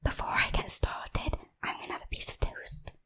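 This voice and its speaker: Whispering woman telling ghost stories. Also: poor audio. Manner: soft confiding whisper, slow and drawn out. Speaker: ASMR host. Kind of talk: whispered ASMR storytelling.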